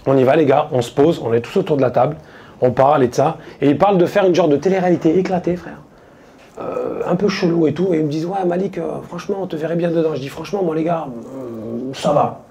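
Guy doing stand-up, slangy storytelling, slightly high but mellow voice. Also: gravelly, a little hiss or hum. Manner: casual slangy storytelling, quoting friends in quick asides. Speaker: stand-up comedian. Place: stage before a live audience.

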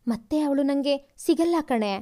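A woman voicing a heartbroken young man who softly tells his sister about losing the woman he loves. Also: sits high, a little slow. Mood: sad.

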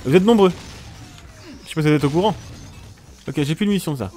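A man's voice: on the high side, fast talker, warm tone, slight background noise. A man doing casual, joking commentary over his own gameplay, exclaiming at the action and talking to his viewers. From France. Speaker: let's play commentator.

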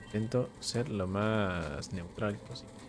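His voice on the low side and slow, this young streamer from Venezuela plays games at home and chats with his audience. Warmly greeting viewers, he reads chat aloud and answers questions at a desk microphone, with faint game music and background noise.

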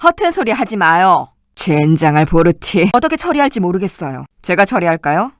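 A woman's voice: lowish voice, sing-song, moderate pace, dry recording, clean studio sound. A woman voicing a weary but loyal woman resistance citizen, delivering short, clipped game voice-line barks. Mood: grumbling. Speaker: voice actor.

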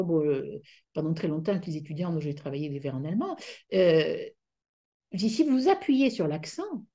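Lecturing academically on a video call, a middle-aged woman speaks hesitantly and frequently stops to search for words. She has a medium-pitched, dark voice with a breathy edge.

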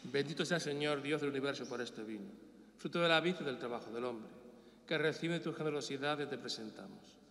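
An older man, a priest, reciting the prayers of the Mass at the altar in a solemn, steady way. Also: medium pitch, fairly quick, vocal fry. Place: large church, at the altar. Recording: echoey church with long reverb.

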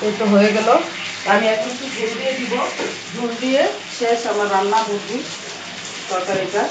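A woman from Bangladesh with a hoarse voice from a cold, chatting casually as she explains her cooking steps in a home kitchen. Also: fairly high pitch, fairly quick. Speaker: cooking vlogger. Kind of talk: casual cooking vlog narration. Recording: echoey kitchen with frying and rain noise.

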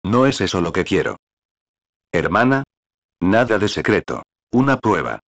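A desperate, proud young queen defends her honor, pleading and indignant, in an audiobook. A man voices her, and his voice stays low and deep under the strain. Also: big pitch swings, a little slow, no echo, heavily acted. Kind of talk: audiobook reading.

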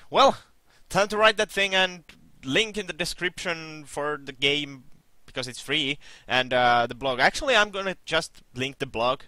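A man's voice: a little high, animated, normal speed, hardly any pauses, no echo. A young man giving casual, rambling let's play commentary, sarcastic and swearing as he plays. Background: loud game music.

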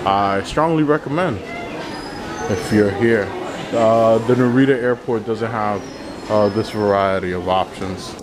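A man's voice: lowish voice, unhurried. A man casually vlogging as he walks through an airport food court, rambling easily and repeating words as he goes, recorded on his handheld camera. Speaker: travel vlogger. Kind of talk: casual walking vlog. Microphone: handheld camera mic while walking. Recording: loud airport ambience under voice. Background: airport hall noise.

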